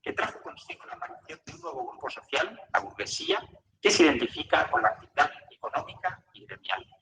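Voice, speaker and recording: A man reads a formal documentary narration, heard from a video whose audio keeps stuttering and dropping out as it buffers. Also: distant mic. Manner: formal, measured reading with lively pitch. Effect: choppy audio that keeps cutting out, like a buffering video stream. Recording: echoey video played through a call, faint noise.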